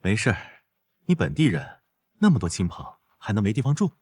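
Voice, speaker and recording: A tough ex-soldier husband in a drama, protective and sure of himself. His voice is husky and mid-pitched. It rises and falls a lot, and his lines are short and calm. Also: brisk, no room sound. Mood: steady. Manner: calm, clipped and assured.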